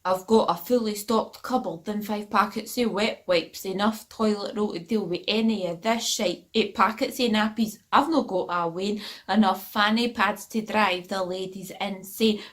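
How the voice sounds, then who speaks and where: A woman performing comic poetry with a crude, deadpan delivery. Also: mid-range voice. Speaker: comedy poet.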